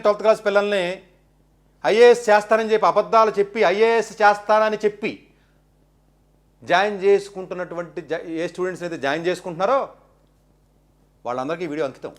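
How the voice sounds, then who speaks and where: Rapid-fire indignant man. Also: high-pitched. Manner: rapid, indignant, rhetorical questioning. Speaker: education commentator. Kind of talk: impassioned monologue.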